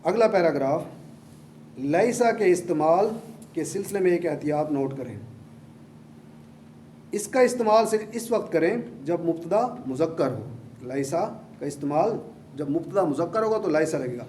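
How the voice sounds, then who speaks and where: A man's voice: on the high side, expressive, darkish tone. Patient male teacher in an echoey classroom. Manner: repeats key points patiently, encouraging. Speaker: Arabic grammar teacher. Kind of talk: classroom lecture. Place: classroom with students. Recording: echoey room, faint background hum.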